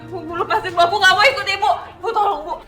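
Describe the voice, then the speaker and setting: Fast defiant young daughter. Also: female voice, very high voice, sharp tone, roomy sound, soft background music. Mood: indignant. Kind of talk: dubbed TV drama.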